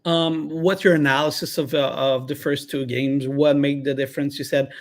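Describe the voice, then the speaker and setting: A man hosting a live online interview, halting with many fillers and restarts. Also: a little high, level tone. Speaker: interviewer host.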